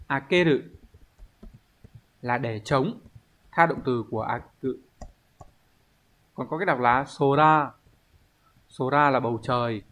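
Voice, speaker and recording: A man teaching an online language lesson, explaining step by step at an unhurried pace and thinking aloud with pauses. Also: mid-range voice, fairly bright tone. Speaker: Japanese teacher.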